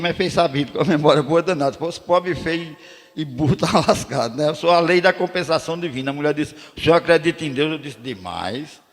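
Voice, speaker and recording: An older man from Rio Grande do Norte, a poet telling stories to a live audience and declaiming his verses. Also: a little high. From Brazil, Rio Grande do Norte. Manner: animated, declamatory when reciting verse. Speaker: poet and storyteller. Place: cultural center hall. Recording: long hall reverb.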